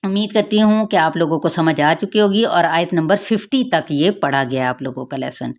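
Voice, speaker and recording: A woman with a Pakistani Urdu accent teaching Quran recitation, patiently explaining rules and stretching out sounds slowly to demonstrate them. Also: low voice. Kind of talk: tajweed lesson with slow demonstrations.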